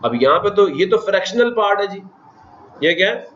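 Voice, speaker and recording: A man's voice: high-pitched, expressive, brisk, fairly bright tone, slight background noise. A man teaching a math class, often asking the students questions and counting places aloud. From Pakistan. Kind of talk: classroom lecture. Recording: echoey classroom, dull lo-fi sound.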